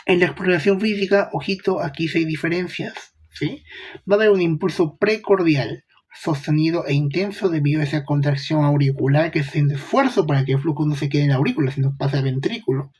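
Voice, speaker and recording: A man's voice: fairly high pitch, fairly quick, a little mellow, slightly rough. A young man giving a casual medical lecture, chatty, with rhetorical questions and slangy asides.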